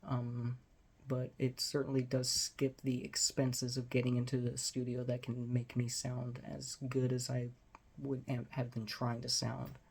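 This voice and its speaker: A Texan man in his forties, vlogging into a phone or webcam held near his face in a small home room, has a mid-range voice that's gravelly, husky, and darkish. He speaks a little slowly with a completely flat delivery, rambling casually, making fun of himself, and occasionally dropping to a near-whisper.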